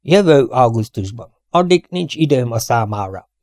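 A man voicing a nervous young prince in uniform who hisses polite threats slowly in an audiobook reading. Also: mid-range voice, expressive, darkish tone, no room sound, clean studio sound, lightly acted. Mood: irritated, hissing. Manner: slow, hissing threats.

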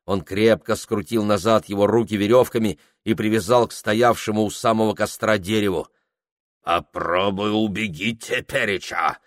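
A man narrating an audiobook in a measured, literary reading manner. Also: fairly low pitch, steady tone, dry recording, clean studio sound.

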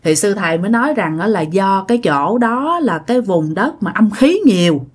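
A woman's voice: medium pitch, expressive, normal speed, slightly rough. Southern Vietnamese woman, conversational ghost-story teller, talks straight to her listeners. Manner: chatty, with filler phrases and asides to listeners.

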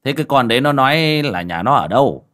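A man playing a gruff older village man in a horror audiobook, talking in a loud, blunt and bossy way. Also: medium pitch, lively intonation, quick pace, pitched above the performer's own voice, natural voice. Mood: questioning.

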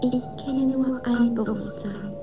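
An actress voicing a lonely, disembodied female consciousness in a radio play, in a slow whispered role-play, with loud singing-bowl music behind. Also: fairly high pitch, steady tone. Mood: lonely, yearning.

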